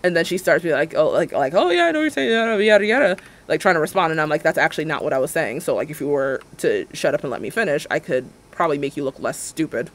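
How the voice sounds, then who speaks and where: This young streamer, a man in his twenties, has a fairly high voice with big pitch swings, talking quickly with few pauses. He rants casually on his livestream while building in a game, sarcastically mimicking other people's words.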